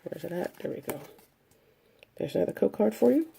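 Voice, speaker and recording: A woman giving casual commentary as she opens trading card packs, listing each card one by one in an unhurried way. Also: lowish voice, sing-song, gravelly, warm tone, a little hiss or hum. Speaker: card collector opening packs. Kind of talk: casual pack-opening commentary.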